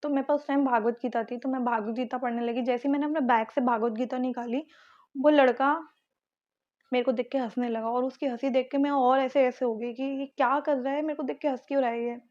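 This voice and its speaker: A young woman vlogger casually telling a personal story in an animated way. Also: high voice, brisk, highs cut off.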